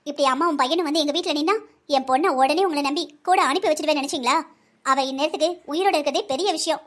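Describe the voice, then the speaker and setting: A woman voicing a sharp-tongued middle-aged mother in a cartoon family drama, scolding quickly and insistently as she protects her daughter. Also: high-pitched. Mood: stern. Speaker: voice actor.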